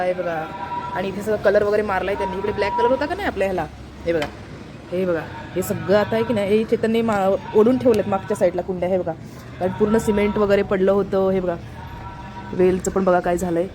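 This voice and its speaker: A woman's voice: mid-range voice, steady tone, quick pace, noisy background. A woman vlogger chatting casually as she walks a phone camera around her home and kitchen, pointing things out as she goes and getting over a cold and fever. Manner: chatty, repeats "look here" as she shows the camera around. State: recovering from a cold and fever, feels weak. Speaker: family vlogger. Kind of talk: casual home tour vlog. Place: apartment home, indoors, in the kitchen and by the windows.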